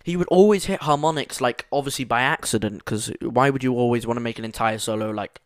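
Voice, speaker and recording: A man's voice: mid-range voice, fast talker, no room sound. A young man chatting casually as a podcast co-host, rambling and enthusiastic, right up close to his microphone. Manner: rambling, enthusiastic, full of fillers. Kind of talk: casual chat.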